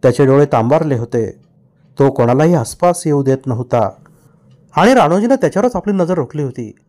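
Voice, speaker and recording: A man's voice: on the high side, dark tone. A man reading a novel aloud as an audiobook, narrating with vivid storytelling. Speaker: audiobook reader.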